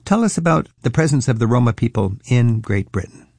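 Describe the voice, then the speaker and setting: A man's voice: medium pitch, expressive, a little fast, darkish tone, no room sound. A man hosting an interview, curious and conversational, often rephrasing his questions as he goes. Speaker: interview host. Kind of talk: casual interview chat.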